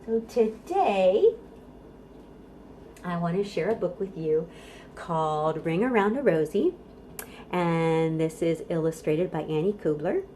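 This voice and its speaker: A children's librarian runs a storytime for babies and toddlers, her lowish, warm voice moving slowly with lively intonation and frequent pauses. She's encouraging and playful, offering tips and chanting sing-song rhymes. The mic is distant, with a little hiss or hum.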